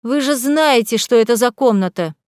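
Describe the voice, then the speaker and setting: A frightened young woman lashes back at her jailer with sharp, indignant words, as the storybook reader puts her on. Her pitch rises above the reader's own voice. The sound is close and dry. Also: moderate pace, smooth, no room sound, close to an everyday voice. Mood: frightened anger. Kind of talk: audiobook reading.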